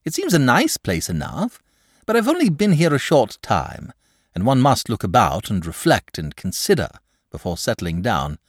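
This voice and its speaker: A man's voice: mid-range voice, wildly swooping pitch, normal speed, no echo, studio quality. A man voicing a lazy, talkative, genial male dragon in a fussy, hasty, old-fashioned manner. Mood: chatty.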